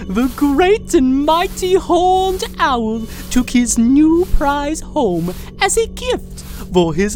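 A sweetly menacing, unhinged captor, acted by a woman croons in a high, slow, sing-song voice that lurches wildly up and down. The coaxing tone breaks into screaming rage and then settles back into creepy sweetness. Faint music plays under this audio drama. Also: darkish tone, heavily acted. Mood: mocking.

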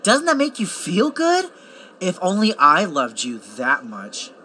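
A man's voice: high-pitched, huge pitch swings, unhurried, bright, forceful tone, heavily acted, poor audio. A man playing a chatty, wisecracking young best man with a camera, in a naturalistic drama. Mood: chatty, playful. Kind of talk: naturalistic found-footage drama acting.

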